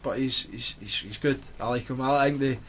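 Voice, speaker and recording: A man's voice: medium pitch, fairly even intonation, brisk, a bit bright, slight background noise. A Scottish man co-hosting a casual wrestling podcast, teasing his friends, laughing often and repeating his words. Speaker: podcast co-host. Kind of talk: casual chat.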